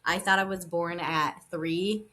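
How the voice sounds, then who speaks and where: A woman's voice: lowish voice, steady tone, a little slow, sharp tone. An easygoing woman speaks as a podcast guest over a video call. She chats casually and often agrees with her host. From Tucson, Arizona. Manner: easygoing, affirming. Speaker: podcast guest, spinal flow practitioner.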